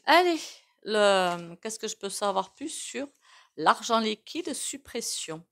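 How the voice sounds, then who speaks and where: A woman's voice: mid-range voice, very animated, slow pace, fairly bright tone. A woman with a regional French accent doing a casual tarot reading to camera, chatty and rambling with lots of fillers. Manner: chatty, rambling, with many fillers and self-asides. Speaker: tarot reader.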